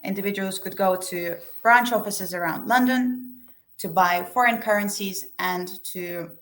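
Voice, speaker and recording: Webinar presenter: young woman, steady scripted delivery, mid-pitched. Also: a little slow. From Estonia. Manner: reads a prepared script evenly. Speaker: webinar speaker, sales manager.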